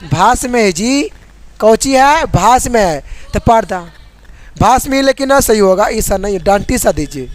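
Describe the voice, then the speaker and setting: A man teaching a school chemistry lesson, asking the class questions and answering them himself, and reading chemical formulas out slowly letter by letter. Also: sits high, animated. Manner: repeats questions and drills answers.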